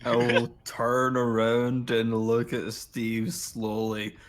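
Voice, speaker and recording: A man's voice: medium pitch, monotone, takes it slowly. A man playing a tabletop game, declaring his character's actions in a casual, amused way. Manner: declares actions, laughs easily. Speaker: player.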